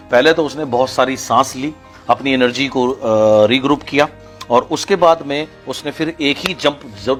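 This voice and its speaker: Guy giving a pep talk, storyteller vibe, talks right at you, soft music behind. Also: mid-range voice. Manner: emphatic, storytelling, addresses listeners directly. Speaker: motivational speaker. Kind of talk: motivational speech with a fable.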